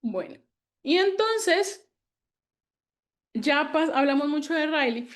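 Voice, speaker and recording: A woman teaches an online psychology class in a high voice. She explains patiently and slips into soft, gentle role-play lines meant for a child. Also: animated, takes it slowly. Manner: warm, explanatory, acts out gentle dialogues with children. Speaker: psychology course instructor. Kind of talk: online lecture. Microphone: video call.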